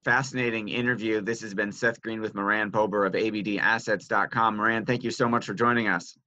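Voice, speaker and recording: A man hosting a podcast interview, asking brisk, direct questions. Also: lowish voice, steady tone, pushed and bright. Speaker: podcast host. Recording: dull lo-fi sound.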